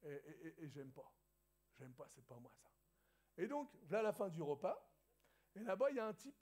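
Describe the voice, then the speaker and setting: A man from France, a pastor, telling a lively anecdote in a sermon to his church, acting out the dialogue and laughing as he goes. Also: a little high, moderate pace. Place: church hall.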